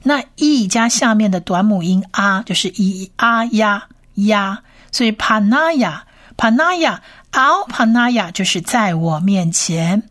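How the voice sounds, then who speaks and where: Slow, patient woman teaching Hebrew. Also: mid-range voice. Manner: patient, spells out sounds and repeats each word. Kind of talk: slow reading lesson with repetition.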